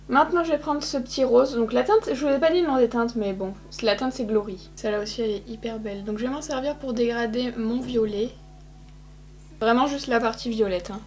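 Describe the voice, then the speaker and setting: A woman's voice: on the high side, a little mellow. A young woman talking viewers through her eye makeup in a casual, chatty way, poking fun at herself. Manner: chatty, self-mocking, addresses viewers directly. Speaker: beauty vlogger. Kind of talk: casual makeup tutorial talk.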